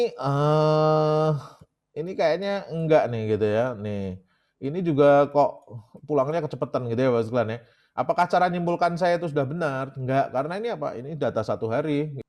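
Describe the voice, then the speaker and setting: A man's voice: fairly high pitch, a little mellow. A man with an Indonesian accent giving a casual lecture, chatty and talking straight to his audience. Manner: chatty, keeps addressing the audience as "Bapak Sekalian".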